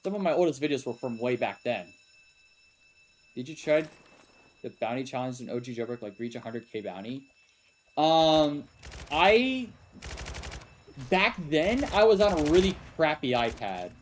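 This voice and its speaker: A man's voice: medium pitch, big pitch swings, normal speed, pauses often, a little hiss or hum. A young man with a Texan accent, rambling casually and answering chat while streaming a game, with frequent laughs. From Texas.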